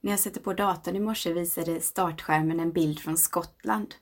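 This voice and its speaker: Husky woman in her 30s reading a slow meditation, low-ish voice with fry, drifts into whispers. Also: steady tone. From Sweden. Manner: slow, reflective and intimate, often dropping to a whisper. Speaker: narrator.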